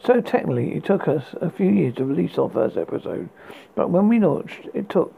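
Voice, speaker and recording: An amateur reader narrating book extracts in a halting way, with frequent slips and restarts. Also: mid-range voice, very animated, vocal fry, husky. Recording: tinny phone-like sound.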